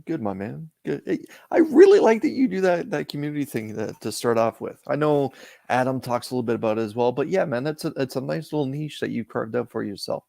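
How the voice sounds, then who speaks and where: A man's voice: medium pitch, lively intonation, fairly quick, vocal fry, mellow, no echo, clean studio sound. Canadian man in rambling live-stream chat. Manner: rambling, repeats and restarts words. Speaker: guest.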